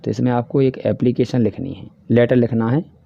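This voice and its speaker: A man with a Hindi accent teaching a class worksheet, explaining each answer step by step and reading the English questions slowly. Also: medium pitch, gravelly, slight background noise. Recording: dry, dull lo-fi voice-over.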